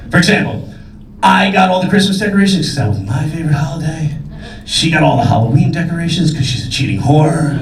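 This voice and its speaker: A man's voice: a little high, far from the mic, slight background noise. A man performing a stand-up comedy set in a comedy club, brash and profane with self-mocking punchlines. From New York State. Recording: roomy club recording, faint crowd.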